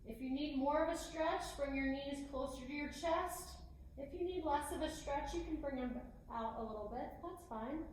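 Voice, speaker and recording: A woman's voice: high voice, moderate pace, a little mellow, a little hiss or hum. Echoey woman counting workout reps. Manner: counts reps and gives step-by-step cues. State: a little out of breath. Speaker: fitness coach. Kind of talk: home workout instruction. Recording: very echoey room.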